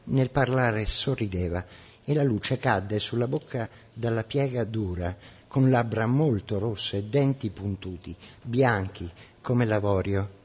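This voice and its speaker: A man reading an audiobook story in a steady, deliberate voice. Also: lowish voice, breathy edge. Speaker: narrator. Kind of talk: audiobook narration.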